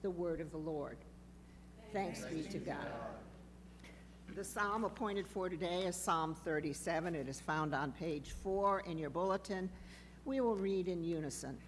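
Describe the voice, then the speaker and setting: A woman reading scripture at a church service, speaking into a pulpit microphone in a measured, formal way. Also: fairly low pitch, a crowd in the background. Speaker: lay reader. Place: church sanctuary. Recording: reverberant church with faint hum.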